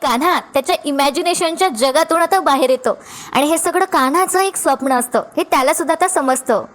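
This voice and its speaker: A woman recapping a TV serial episode as a lively storyteller who keeps calling on her friends to watch what happens. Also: high voice, fairly quick.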